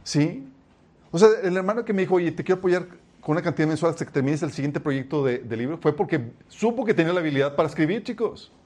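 A man's voice: a little high, fast talker. A young man preaching a sermon, telling stories and calling his listeners "chicos". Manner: addresses listeners as "chicos", lively storytelling.

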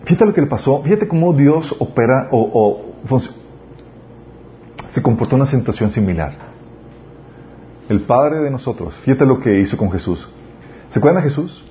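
A man preaching a sermon, earnest and full of rhetorical questions. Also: medium pitch. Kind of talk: sermon on parenting. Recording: slightly dull lo-fi recording with faint noise.

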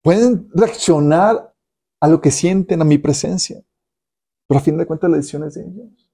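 Preaching to a young crowd, this youth pastor is animated and keeps addressing them directly with rhetorical questions. His fairly high voice is gravelly and slightly rough, moving at a normal speed.

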